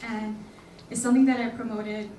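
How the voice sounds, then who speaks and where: A woman's voice: fairly high pitch, flat delivery, moderate pace, mellow, a little hiss or hum. A young woman from Hong Kong, a student organizer, giving an earnest, slightly nervous prepared welcome speech in a large lecture hall. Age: young adult. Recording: echoey hall from far off.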